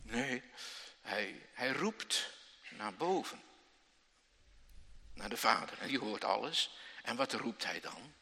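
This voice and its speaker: A man preaching to children in a church, telling the story slowly and dramatically, with sudden loud outbursts and questions to his listeners. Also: mid-range voice, lively intonation, husky. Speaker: pastor. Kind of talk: children's sermon. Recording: long church reverb.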